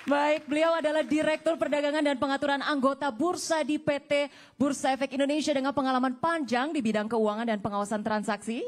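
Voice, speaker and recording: A woman's voice: high voice, fairly even intonation, fairly quick. A young woman hosting a live campus talk show on stage, bantering and teasing the student audience. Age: young adult. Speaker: event host.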